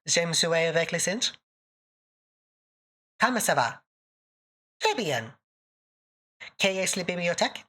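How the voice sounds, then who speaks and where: Speaking in a lowish, sing-song voice that is pushed and bright, a woman from northern Canada keeps a measured pace with long pauses. She hosts a livestream, joking, laughing often, and answering viewers in casual chat. Her thick accent sounds put-on.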